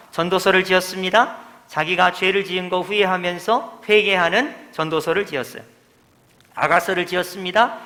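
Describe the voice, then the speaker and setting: Male pastor, teaching sermon; emphatic, quizzes the congregation; bright tone, reverberant church. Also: high-pitched. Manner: emphatic, drills the congregation, asks and answers himself. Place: church sanctuary. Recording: echoey church hall.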